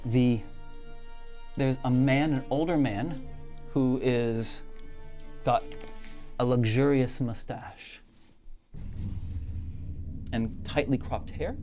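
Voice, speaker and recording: A game master hosting and narrating a live tabletop role-playing game in a dramatic, halting way. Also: mid-range voice, steady tone, dark tone, soft background music. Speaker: game master and show host.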